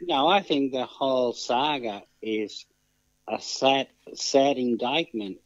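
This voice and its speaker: An Australian man speaking as a phone-in guest, measured and formal, with halting, deliberate phrasing. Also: medium pitch, no echo. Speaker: phone-in guest on a football show. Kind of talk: measured discussion. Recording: muffled lo-fi phone line, very dry.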